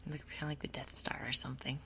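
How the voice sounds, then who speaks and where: A woman hosts soft-spoken ASMR Minecraft gameplay commentary, narrating casually and thinking aloud at an unhurried pace. Her voice is very low and soft, whispery with a breathy undertone and lots of vocal fry. Her pitch barely moves and the delivery stays flat.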